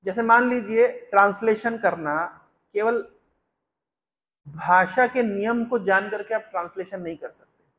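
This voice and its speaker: Spiritual teacher, male, high-pitched voice, explains step by step and keeps questioning his listeners. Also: unhurried, a bit bright. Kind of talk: Hindi discourse with chanted Sanskrit verse.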